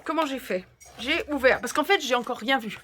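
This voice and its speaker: Woman, slightly high voice, bright tone, bubbly and gushing, chatty craft vlog host. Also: brisk, a little hiss or hum. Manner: bubbly, gushing, talks to viewers directly. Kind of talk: casual crafting haul vlog.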